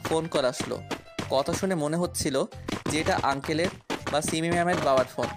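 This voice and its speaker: Man narrating over loud music. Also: fairly high pitch, fairly quick. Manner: playful, cheeky narration. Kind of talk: first-person story narration.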